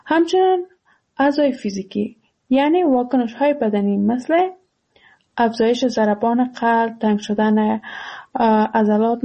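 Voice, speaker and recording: A woman with an Afghan Dari accent gives a radio lesson in a fairly high, mellow voice. She speaks fondly to her students and answers her own questions. The broadcast sound is dull and lo-fi. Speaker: teacher of an emotional health class.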